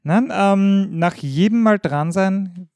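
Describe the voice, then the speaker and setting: Mellow-voiced man patiently explaining rules. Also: high voice, takes it slowly, no room sound. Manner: patient, affirming with short "Jawohl" and "Richtig". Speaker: podcast co-host explaining the game rules. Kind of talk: casual chat over a board game.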